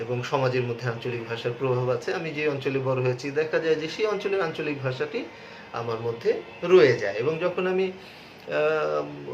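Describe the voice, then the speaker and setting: A male professor giving a recorded pronunciation lesson, explaining slowly with many filler sounds and rhetorical questions. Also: mid-range voice. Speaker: assistant professor of Bengali. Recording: muffled echoey room recording with faint hiss.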